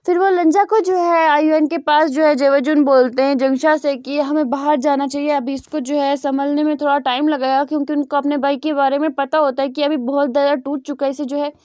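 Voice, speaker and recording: Woman casually retelling a story, high voice, dry close sound, lots of fillers. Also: steady tone, a little fast, hardly any pauses, a little mellow, no room sound. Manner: fillers, repeats "jo hai" a lot. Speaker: storyteller, channel host.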